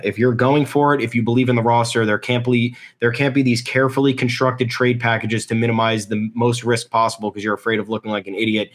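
A man co-hosting a casual sports podcast, thinking aloud in a halting, conversational way. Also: medium pitch.

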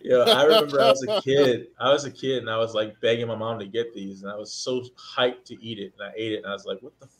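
A man's voice: medium pitch, steady tone, fast talker, hardly any pauses. A man co-hosting a casual podcast, laid-back and telling stories. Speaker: podcast co-host. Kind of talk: casual chat.

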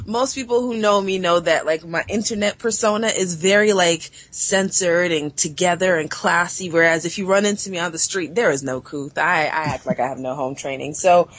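A woman's voice: lowish voice, normal speed. A woman from Southern Africa with a Southern US accent, telling stories as a podcast guest in a sassy, playful smack-talking way. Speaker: podcast guest, lifestyle blogger. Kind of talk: casual chat.

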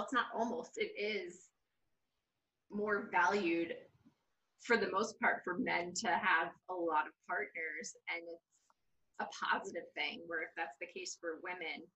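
A woman's voice: mid-range voice, bright, forceful tone, lo-fi sound. A woman co-hosting a podcast, joking playfully in casual chat. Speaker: podcast co-host.

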